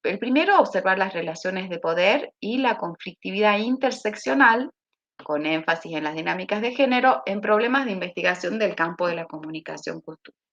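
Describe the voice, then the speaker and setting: A woman with an Argentine accent, a university lecturer leading an online seminar, explaining steadily with thinking pauses. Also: mid-range voice, animated, fairly bright tone. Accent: Argentine Spanish. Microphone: video call. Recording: dull lo-fi video call audio.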